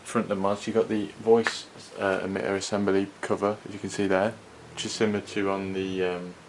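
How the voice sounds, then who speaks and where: A man giving an unscripted hands-on product review in a hesitant, halting, rambling manner. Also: low-pitched, flat delivery. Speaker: gas mask collector and reviewer. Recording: clearly audible background noise.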